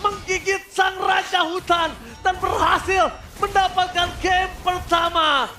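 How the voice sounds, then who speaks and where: A man with an Indonesian accent shouts esports play-by-play in a very high, bright voice, like a fighting game announcer. He stretches out the big calls at full force, with music playing behind him. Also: little pitch movement, slow pace, some chatter behind. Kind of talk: hype play-by-play game commentary.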